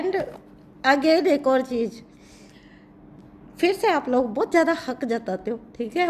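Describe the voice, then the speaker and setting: A woman tarot reader and healer chatting casually with her viewers, giggling often, her voice starting to go hoarse. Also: high voice, a little mellow, a little hiss or hum. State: voice going hoarse.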